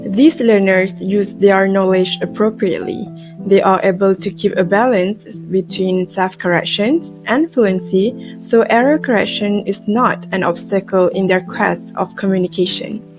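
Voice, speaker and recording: A woman's voice: mid-range voice, steady tone, unhurried. A woman student presenting a class project, reading her script as narration. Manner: reads a prepared academic script. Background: guitar music.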